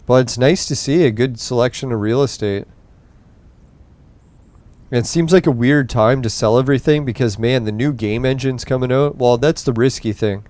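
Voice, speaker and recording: This young gaming podcaster chats loosely and profanely while playing, easygoing, with his voice wearing down late at night. He speaks at a moderate pace in a mid-range, slightly mellow voice, with no room sound.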